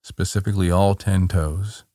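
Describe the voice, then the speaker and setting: A man guiding a body-scan relaxation in a calm, meditative tone, gently giving short soothing instructions. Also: low-pitched, normal speed, no room sound, clean studio sound. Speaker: meditation guide.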